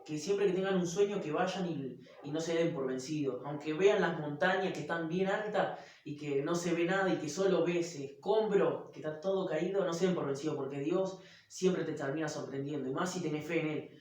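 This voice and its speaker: A young man with an Argentine Spanish accent tells his story with lively energy and acts out the other voices in it. His voice sits a little high for a man. He is recorded in a very echoey room from a distance. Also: normal speed, hardly any pauses. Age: young adult. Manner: animated storyteller acting out dialogue. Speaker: church youth guest. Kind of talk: testimony in interview. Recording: very echoey room, mic far off.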